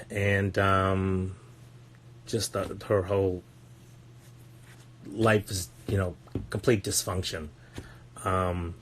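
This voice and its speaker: A man's voice: low-pitched, slight background noise. A man talking as a parenting coach on a casual podcast, blunt and earnest, swearing often and repeating words as he searches for them.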